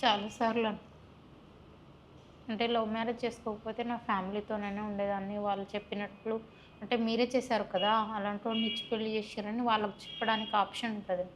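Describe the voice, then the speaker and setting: A woman's voice: mid-range voice, little pitch movement, a little fast, slight background noise. A young woman, recounting her personal story in a plaintive, heartfelt way as an interview guest. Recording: muffled recording.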